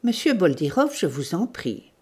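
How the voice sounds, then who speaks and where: A woman's voice: lowish voice, sing-song, normal speed, dark tone, breathy edge. A woman reading the part of an earnest young woman in a storybook. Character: earnest young woman defending her father.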